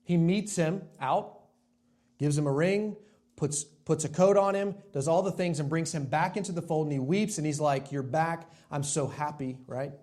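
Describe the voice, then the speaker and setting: A man's voice: on the high side, moderate pace, darkish tone. A male pastor preaching a sermon in a church sanctuary in a conversational way, asking his congregation rhetorical questions.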